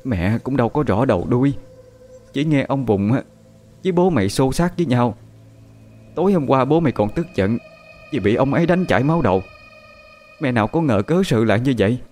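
A man voicing an older woman who is crying and frantic, talking in a rushed wail. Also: medium pitch, lively intonation, darkish tone, pitched above the performer's own voice, close to an everyday voice. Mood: tearful. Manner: wailing, rushed. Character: older woman, the girl's mother, weeping and frantic.

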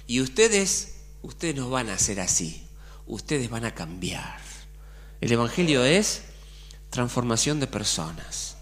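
Lively Argentine pastor preaching. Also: male voice, mid-range voice, slow. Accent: Argentine Spanish. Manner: lively, colloquial, with rhetorical questions. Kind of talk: sermon.

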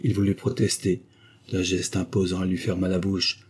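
Man reading an old novel aloud, lowish husky voice, kinda dark and mellow. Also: level tone, moderate pace. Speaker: audiobook narrator. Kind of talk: scripted literary narration.

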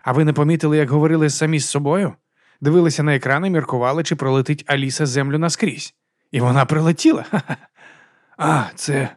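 Chatty, cheerful male tourist voiced by an audiobook reader, raised pitch, dry close sound. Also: fairly even intonation, quick pace, no room sound, lightly acted. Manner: cheerful, talkative, chuckling. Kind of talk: audiobook character voice.

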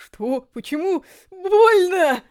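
A woman's voice: high voice, expressive, fairly quick, darkish tone. A woman voicing a terrified, frail man over ninety who begs tearfully in a storybook reading. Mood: pleading. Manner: pleading, tearful begging.

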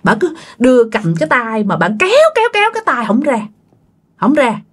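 A storytelling channel host narrates a ghost story in a casual, chatty way, speaking directly to her listeners. Her voice is a little high and sing-song, and she talks a little fast.

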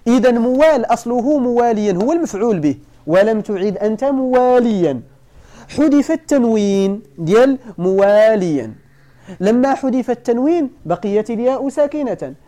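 A man's voice: high voice, mellow. A man with a Moroccan Arabic accent teaching a religious lesson, explaining a text line by line, repeating key points and asking his students whether they follow. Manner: repeats points and checks understanding with questions.

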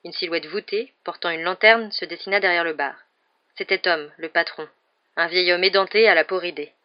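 A woman narrating a storybook in a calm, even reading manner. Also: lowish voice, brisk, dull audio. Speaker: audiobook narrator. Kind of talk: scripted narration.

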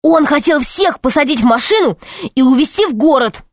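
A woman voicing an excitable young boy who pleads urgently in an audiobook story. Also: high-pitched, unhurried, dry recording, studio quality, pitched above the performer's own voice.

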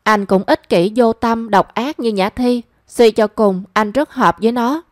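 A woman's voice: a little high, unhurried, no room sound, clean studio sound, lightly acted. A woman reading the lines of a proud young woman who answers guardedly and with reproach. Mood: hurt.

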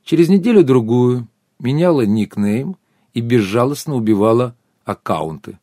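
A man voicing a teasing, sharp-witted brunette woman in an audiobook. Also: medium pitch, moderate pace, no room sound, studio quality, close to an everyday voice. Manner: teasing, animated.

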